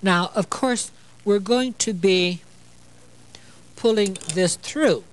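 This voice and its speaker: An older man from Illinois hosts a sewing demonstration in a TV studio, chatting playfully with lots of "you know" and joking asides. His voice sits high, he talks slowly, and the recording quality is low.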